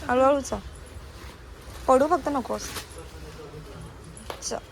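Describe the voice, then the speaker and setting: Young mom filming a shopping trip on her phone, high voice, loud street noise all around, keeps hurrying her kid along. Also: extremely slow, gravelly. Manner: coaxing and scolding a small child. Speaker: vlogger and mother. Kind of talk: casual vlog while shopping. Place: busy market outdoors and in a shop. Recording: noisy market background.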